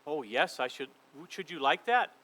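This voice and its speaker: A man reading a storybook aloud and voicing a cold, imperious queen with loud, scornful outbursts. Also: on the high side, big pitch swings, normal speed, pitched below the performer's own voice, poor audio. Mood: coaxing.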